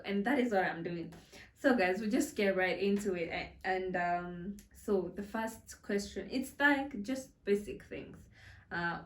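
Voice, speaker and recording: Brief: woman in her twenties, giggly storytime vlogger, recorded a little far from the mic in a roomy space. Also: medium pitch. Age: 20s. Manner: chatty, giggly, with many fillers and restarts. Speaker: content creator. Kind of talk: casual storytime vlog.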